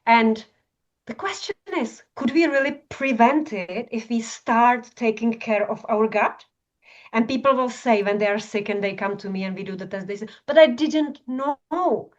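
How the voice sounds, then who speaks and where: Woman, from Czechoslovakia, interview guest, passionate explainer, higher voice, dull lo-fi sound. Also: normal speed. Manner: passionate, animated, frequent tag questions. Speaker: functional medicine practitioner guest. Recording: dull lo-fi audio.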